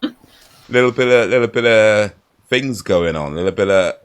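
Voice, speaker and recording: A man hosting a podcast, talking in a relaxed, rambling way with many fillers. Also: fairly low pitch, moderate pace, smooth. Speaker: podcast host. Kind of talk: casual podcast chat.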